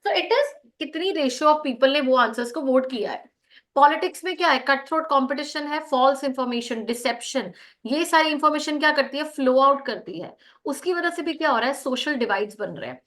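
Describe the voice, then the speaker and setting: Indian lady coaching a group discussion on a video call, high voice, switching hindi and english, kinda brisk. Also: lively intonation, a bit bright. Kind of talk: feedback and lecture on an online call.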